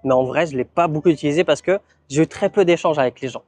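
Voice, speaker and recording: A man's voice: fairly high pitch, quick pace, darkish tone. Chatty man telling his story. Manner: conversational, frequent fillers and tag words. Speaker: vlogger. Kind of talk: casual vlog narration.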